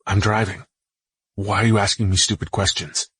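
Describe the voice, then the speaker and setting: A gruff, terse man answers in curt, snappish bursts, voiced by a man reading an audiobook. His voice sits low and a little husky. It is recorded dry and close, with no room around it. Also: level tone, normal speed, sharp tone, no room sound, full character voice. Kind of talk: audiobook character voice.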